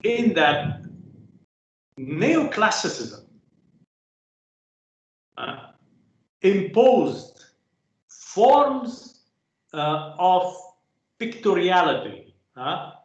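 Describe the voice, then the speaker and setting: Halting male lecturer in an echoey room. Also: sits high, very animated, lo-fi sound. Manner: halting, many filler sounds, rhetorical "huh?" checks. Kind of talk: academic lecture.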